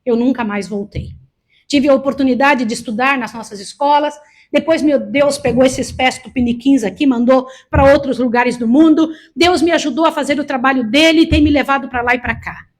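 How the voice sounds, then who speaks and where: With a high-sitting, brisk voice, a Brazilian missionary aged sixty preaches to a congregation. Her style is emphatic and repetitive, and she drives her listeners on with direct commands.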